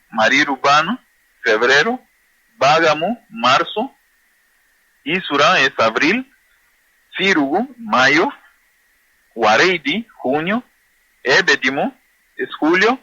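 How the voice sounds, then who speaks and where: A man teaching a language class, slowly repeating and drilling words for his listeners. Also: fairly high pitch, bright, forceful tone, husky, dull audio. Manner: slow, repetitive drilling of words.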